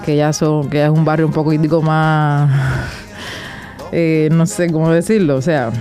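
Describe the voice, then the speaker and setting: A woman's voice: deep voice, level tone, unhurried, dark tone, soft background music. A woman with a Cuban accent, chatting casually in an interview and explaining things with lots of fillers. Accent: Cuban Spanish. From Cuba. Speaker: band member and guest.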